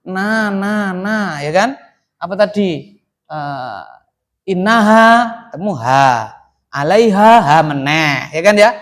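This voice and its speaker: A man's voice: high-pitched, expressive, slow pace, pauses often. A middle-aged man, teaching Arabic grammar to a class and constantly quizzing the students with prompts. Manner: quizzing students with repeated "apa, Pak?" prompts. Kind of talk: classroom lesson with call and response.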